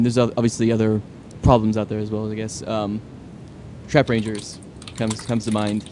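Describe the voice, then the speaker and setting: A man's voice: on the low side, a little mellow, slight background noise. A man hosting a casual gaming podcast, easygoing and steering the panel discussion. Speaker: podcast host.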